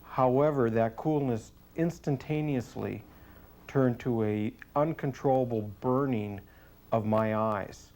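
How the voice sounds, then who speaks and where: A man with a medium-pitched voice gives testimony as a police sergeant. He speaks in an earnest, deliberate way, answering interview questions plainly and matter-of-factly. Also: dark tone.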